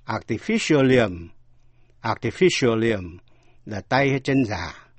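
A man's voice: medium pitch, expressive, slow. A man teaching English vocabulary, spelling each word out letter by letter and then translating it. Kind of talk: slow spelled-out vocabulary lesson.

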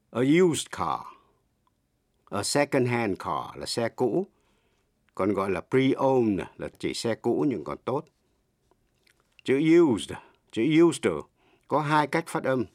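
A middle-aged man teaching English in Vietnamese, a native Vietnamese speaker who explains slowly and spells words out letter by letter. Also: mid-range voice, no room sound, studio quality. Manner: slow, deliberate, spells words letter by letter and repeats examples.

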